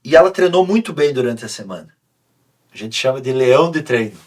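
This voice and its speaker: A man, a sports coach talking on a podcast, telling an animated story with many restarts. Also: mid-range voice, a little fast. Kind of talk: casual podcast conversation.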